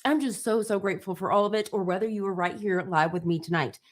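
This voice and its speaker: A woman's voice: mid-range voice, fast talker. A middle-aged woman hosting a casual live stream, bubbly and gushing, talking straight to her viewers while tired from very little sleep. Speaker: livestream host and small business owner.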